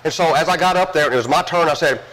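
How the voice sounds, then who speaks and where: A man's voice: a little high, racing, fairly bright tone, in a large hall, poor audio. A man from Tennessee, a winery owner telling folksy, rambling stories in an interview. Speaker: winery owner and grape grower. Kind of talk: storytelling in an interview.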